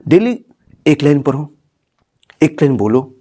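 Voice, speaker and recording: A man's voice: fairly high pitch, very animated, unhurried, mellow, slight background noise. A man teaching and counseling a student, talking encouragingly and checking her understanding with questions. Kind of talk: motivational talk to a student.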